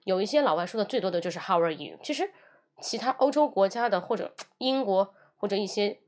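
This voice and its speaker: A woman's voice: medium pitch, lively intonation, a little fast, darkish tone. Woman teaching English on a livestream. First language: Mandarin Chinese. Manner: switches between Mandarin and English, demonstrates phrases.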